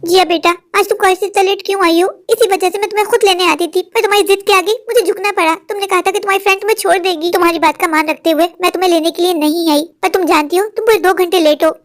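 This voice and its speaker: A woman's voice: very high voice, fairly even intonation, racing, few pauses. A woman voicing a doting, overprotective mother in a cartoon, affectionate but firm with her daughter. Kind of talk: cartoon voice acting.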